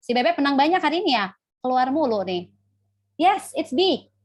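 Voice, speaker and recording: A woman's voice: high-pitched, sing-song, normal speed. A young woman teaching English in a casual live online class, chatty and self-correcting as she talks to her viewers.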